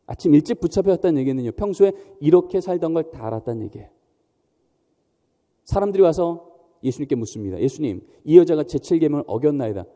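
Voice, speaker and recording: A man's voice: sits high, mellow. A man preaching a sermon in a church, emphatic and often questioning the congregation. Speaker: pastor. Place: large church hall. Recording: long church hall reverb.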